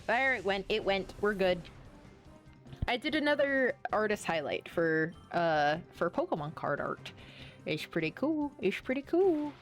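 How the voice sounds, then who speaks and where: A woman's voice: medium pitch, very animated, unhurried, soft background music. A woman streaming a game, chatting casually, rambling and often gushing as she plays. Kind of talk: casual live-stream chat while playing.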